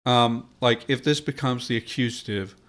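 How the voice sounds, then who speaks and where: A man's voice: mid-range voice, normal speed, fairly bright tone. A man hosting a podcast, thinking aloud as he builds a language, with many fillers and restarts. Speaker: podcast host.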